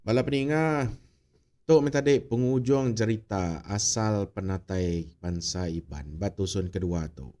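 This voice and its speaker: A man from Sarawak narrating a read-aloud tale as a channel host, in a measured way, going through names one at a time. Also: on the low side, mellow. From Sarawak, Malaysia.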